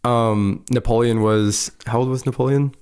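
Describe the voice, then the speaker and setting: A man's voice: medium pitch, fairly even intonation, moderate pace, a little mellow, smooth. A man in his early twenties hosting a podcast interview, chatting casually and eagerly, filling his speech with "like". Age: early 20s. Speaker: podcast host.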